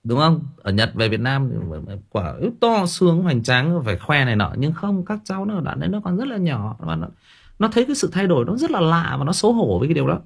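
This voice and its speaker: A man's voice: fairly high pitch, fast, vocal fry, husky. A man hosting a casual talk show, rambling and repeating himself as he talks about raising teenagers. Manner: rambling, repeats words, animated.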